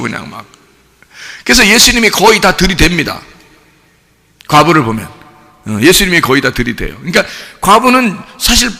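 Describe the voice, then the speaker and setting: A male pastor giving a sermon in an animated, colloquial way, asking rhetorical questions. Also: high voice, vocal fry. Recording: long reverb of a church hall.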